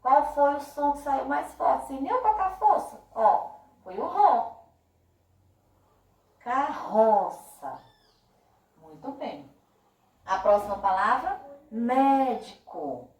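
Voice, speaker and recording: A woman teacher with a Brazilian Portuguese accent speaks in a fairly high voice that rises and falls a great deal. She stretches each word out slowly and talks to the children with warm, affectionate diminutives. The sound is echoey and comes from some distance away from the microphone. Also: expressive. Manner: slow, drawn-out emphasis on words. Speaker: primary school teacher. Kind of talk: remote class video lesson.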